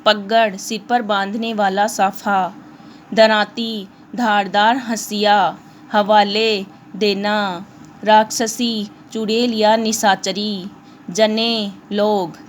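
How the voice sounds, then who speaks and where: A woman teacher giving an online lesson to young pupils, explaining slowly and mixing in English words. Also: mid-range voice, level tone, a little hiss or hum.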